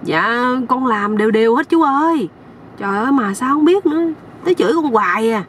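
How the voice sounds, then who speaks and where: A woman's voice: fairly high pitch, lively intonation, a little fast, slight background noise, voice pushed up, close to an everyday voice. A woman with a Southern Vietnamese accent voicing a glum, naive young husband who pleads for advice. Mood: whiny. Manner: whiny, pleading.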